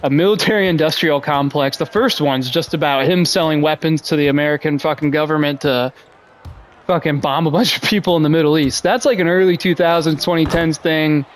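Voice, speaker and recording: A man's voice: fairly high pitch, steady tone, brisk. A man in his twenties from Russia, hosting a podcast with a casual, rambling, profane, self-deprecating monologue full of fillers. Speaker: podcast host.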